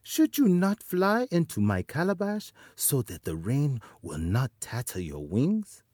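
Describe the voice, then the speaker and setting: A man voicing a small, clever male spider trickster with a bright, sing-song voice. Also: mid-range voice, big pitch swings, measured pace, slightly rough, no room sound, studio quality, voice pushed up. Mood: sly.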